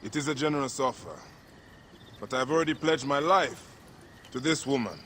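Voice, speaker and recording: An actor playing a grim, vengeful warrior in a game cutscene, blunt and terse. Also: male voice, medium pitch, moderate pace, fairly bright tone, a little hiss or hum, natural voice. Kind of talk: video game cutscene acting.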